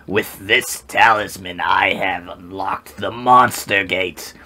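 A man voicing a grandiose, scheming dentist villain from a video game, speaking slowly with theatrical menace. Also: deep voice, sharp tone, full character voice. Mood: triumphant menace. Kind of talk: video game dialogue read aloud.

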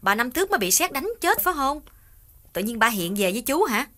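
A man's voice: very high-pitched, very animated, fairly quick, sharp tone, pitched above the performer's own voice, heavily acted. A man voicing a surprised young housewife who chatters.

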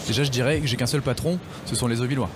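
A mayor answers a radio interview at a trade fair stand, making firm, fluent arguments in a rapid-fire, medium-pitched voice. He's recorded on a table radio mic with headphones amid the noise of the trade fair hall.

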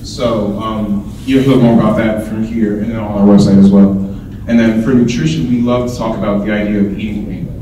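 A young student gives an earnest conference presentation into a handheld mic, explaining things with lots of "um"s. His voice is on the low side and warm, delivered briskly and flatly. He's in a big indoor hall with a projector screen, filmed from a distance, so there's roomy echo plus a little hiss or hum.

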